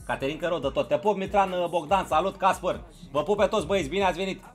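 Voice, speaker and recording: Soft background music plays as a high-voiced man hosts a chatty live stream. He says hello to viewers individually by name, says the same things over and over, and keeps pressing them to like the stream.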